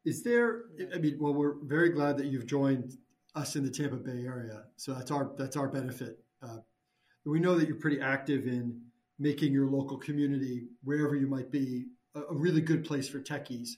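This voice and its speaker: A man co-hosting an interview, asking polite, measured questions. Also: mid-range voice, darkish tone. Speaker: podcast co-host. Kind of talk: casual interview. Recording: roomy echo.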